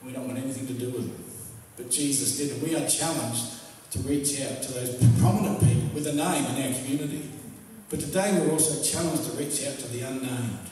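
A man's voice: medium pitch, fairly quick, hardly any pauses, darkish tone, slight background noise. A male pastor preaching a sermon, retelling a story vividly to his congregation. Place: church hall. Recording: echoey hall, distant mic.

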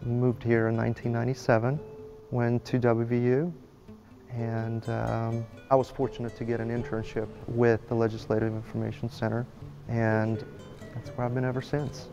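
A man from Slovakia talks earnestly about his work as a legislative photographer in a documentary interview. His voice has a gravelly edge and stays quite flat in pitch. The sound is a little dull, with music playing beneath. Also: normal speed.

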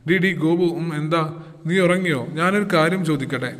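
A man's voice: a little high, fairly quick, fairly bright tone, long reverb tail, lightly acted. A man reading a remorseful, pleading husband. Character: remorseful husband who has sworn off drink.

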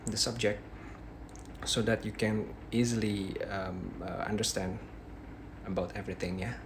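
Holding a phone close at arm's length, a young Indonesian-accented man livestreams a dental teaching demo from a small bedroom, answering viewer questions. His lowish voice has little pitch movement and a slightly sore throat, and he speaks haltingly, restarting often and adding "yeah." Faint room ambience and a little hiss or hum can be heard.

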